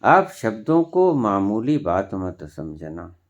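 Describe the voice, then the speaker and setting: A man with a Punjabi accent delivering a sermon at an unhurried pace, letting long pauses hang between phrases. His pitch swings widely, rising sharply on stressed words and dropping low again. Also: very animated, dull audio. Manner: slow, deliberate, with emphatic pauses and rising stresses. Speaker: spiritual teacher.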